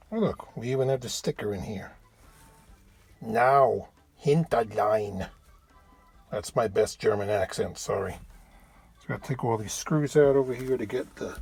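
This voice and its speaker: The host of a car restoration channel chats casually in a garage, explaining each step as he works inside a car in a hands-on how-to. His voice is mid-range and a little mellow.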